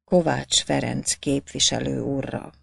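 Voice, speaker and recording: A woman voicing a humble, shamed poor peasant man who speaks softly and stammers. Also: low-pitched, gravelly, no room sound. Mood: timid. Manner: timid, stammering, soft-spoken.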